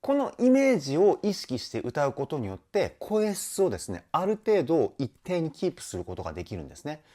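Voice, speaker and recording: A woman's voice: low voice, sing-song, a little fast, few pauses, dark tone. A woman working as a vocal trainer gives an enthusiastic commentary analyzing a song and breaks in with short sung demonstrations.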